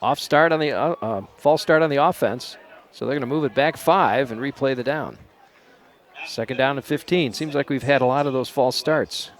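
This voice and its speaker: A man calling a college football game play by play in a relaxed, unpolished way, sometimes unsure of player names. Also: mid-range voice, moderate pace. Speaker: play-by-play announcer. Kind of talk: local college football commentary.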